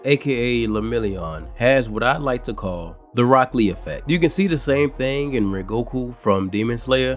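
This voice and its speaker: A young man with a stuffy, congested voice, hosting an anime commentary video in a laid-back, smooth lounge-host manner. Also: mid-range voice, fairly bright tone. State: congested from a cold.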